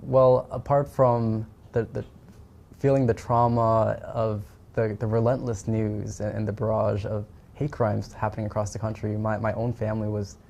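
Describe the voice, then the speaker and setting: A man being interviewed, reflecting on personal experiences in measured phrases with pauses mid-thought. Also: on the low side, flat delivery, gravelly, mellow. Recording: noticeable ambient background noise.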